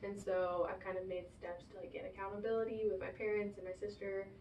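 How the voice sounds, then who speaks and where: A woman's voice: mid-range voice, level tone, fast talker, a little mellow. A woman talking through her own feelings as the client in a counseling session. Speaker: client in a therapy role play. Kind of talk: casual spoken reflection in a counseling session. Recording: echoey, distant, muffled, faint noise.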